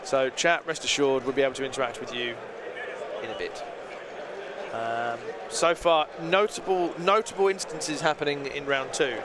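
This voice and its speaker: A man's voice: medium pitch, normal speed, noisy background. A British man commentating a live tabletop game tournament in a chatty, rambling way that often corrects itself. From Britain. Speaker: stream commentator.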